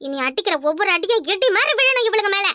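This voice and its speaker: Cartoon: a woman playing a gloating village schemer, Kanyakumari Tamil accent, high voice, slow and sly. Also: big pitch swings, sharp tone, dry recording, clean studio sound, exaggerated voice. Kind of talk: cartoon voice acting.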